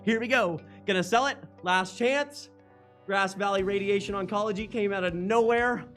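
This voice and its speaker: A man calling a live charity auction, energetic and loud, counting down bids. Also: sits high, moderate pace, soft background music.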